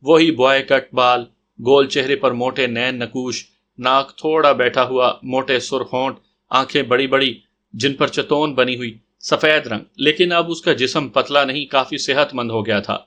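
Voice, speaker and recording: A man narrating a detective audio story in the first person with steady, scripted storytelling. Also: mid-range voice.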